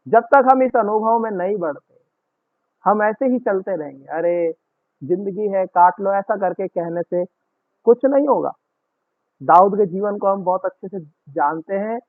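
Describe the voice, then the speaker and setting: A man preaching a sermon as pastor, earnest and repetitive, leaning slowly on key words. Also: sits high, no room sound. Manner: earnest, repetitive preaching with slow emphatic stresses. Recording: tinny phone-like dry recording.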